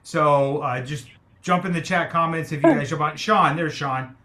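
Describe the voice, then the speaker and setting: Welcoming participants to a community town hall on a video call, a man serves as the friendly host, his speech loaded with ums and uhs. His voice sits a little high, pushed and bright, and he talks at normal speed.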